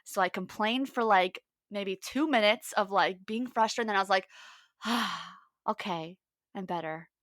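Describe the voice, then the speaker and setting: A woman chats on a podcast in an animated storytelling way, acting out the lines of the people in her stories. Her voice sits at a middle pitch for a woman. The sound is close and dry, with no room echo. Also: normal speed, hardly any pauses. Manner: lively storytelling, acts out quoted lines. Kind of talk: casual podcast chat.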